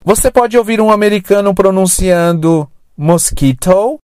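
Teacher, scripted lesson narration, slow careful delivery, lively pitch, dry close mic. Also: dry recording. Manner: slow, clear, drawn-out word modelling. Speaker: English teacher.

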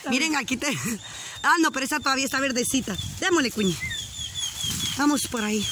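A woman's voice: high voice, fairly quick, background noise. A Honduran woman chatting and teasing as she films a walk along a rural riverbank, laughing often. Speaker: vlogger. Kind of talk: casual walking vlog. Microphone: handheld camera while walking.

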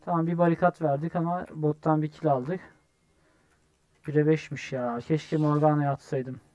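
A young man giving live gameplay commentary, excitable, yelling at teammates and swearing when frustrated. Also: on the high side, moderate pace, no echo. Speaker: gamer streamer.

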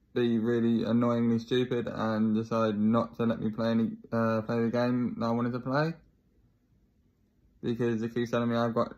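An apologetic man in his twenties chats casually to his viewers as a vlogger. His mid-pitched voice moves very little in tone. The sound is slightly dull and lo-fi, as from a phone held at arm's length in a small bedroom. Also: a little mellow. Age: 20s. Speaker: video blogger. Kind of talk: casual vlog talk to viewers.

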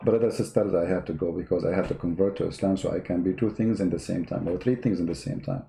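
Speaking in a low, fast, creaky voice with a dark tone and roomy acoustics, a non-native English speaker mocks a clip that's been played. His commentary is sarcastic and he repeats words.

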